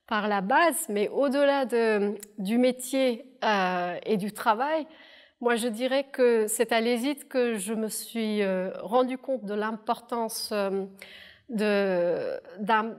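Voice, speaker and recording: Woman, 30s, from southern India, testimonial interview, hesitant, reflective. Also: fairly high pitch. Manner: thoughtful, hesitant with many pauses and fillers. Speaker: interpreter and alumna.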